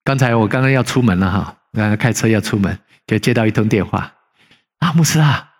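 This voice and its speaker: A man's voice: lowish voice, quick pace. A middle-aged male pastor preaching a conversational sermon, telling stories animatedly and acting out the people he quotes in a raised voice. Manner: frequent tag particles, conversational preaching. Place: church sanctuary. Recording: long hall reverb.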